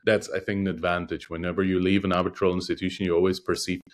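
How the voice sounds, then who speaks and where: This lawyer, a native Russian speaker, gives a conversational interview in a deep, flat voice. His manner is measured and thoughtful, punctuated by frequent hesitations.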